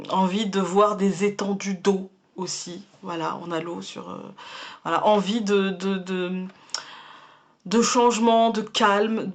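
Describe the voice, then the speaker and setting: Hesitant, chatty woman reading tarot cards. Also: medium pitch. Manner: hesitant, many fillers and repeated words; chatty and reassuring. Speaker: tarot card reader. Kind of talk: casual monthly tarot reading to camera.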